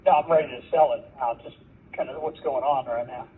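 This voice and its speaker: A man's voice: mid-range voice, brisk, breathy edge. A man on speakerphone selling his home, giving short, agreeable replies in a casual phone chat. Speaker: home seller on a phone call. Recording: tinny phone line on speaker.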